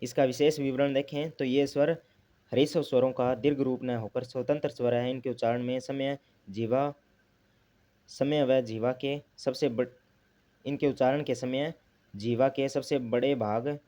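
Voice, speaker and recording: A man's voice: mid-range voice, fairly even intonation, a little slow, long pauses, mellow. A man teaching a grammar lesson, asking himself questions and repeating the key terms. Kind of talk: classroom lesson explanation.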